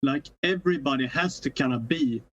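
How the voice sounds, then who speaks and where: A man's voice: mid-range voice, a little fast. A man speaking hesitantly in a casual podcast conversation, searching for words and restarting often. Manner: hesitant, many ums and restarts. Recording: dull lo-fi audio.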